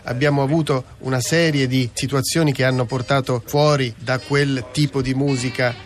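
Medium-pitched man interviewing on radio. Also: steady tone, moderate pace. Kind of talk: conversational interviewing.

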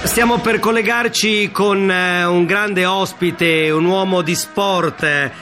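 A man's voice: sits high, fairly even intonation, slow pace, sharp tone, faint music behind. A man hosting a casual radio interview, interjecting often and building up his lines theatrically. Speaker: radio host.

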